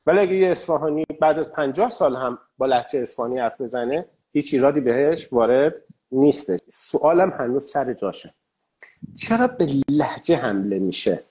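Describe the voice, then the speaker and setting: A man's voice: medium pitch, animated, warm tone. A man interviewing a guest, laying out a pointed question and challenging her.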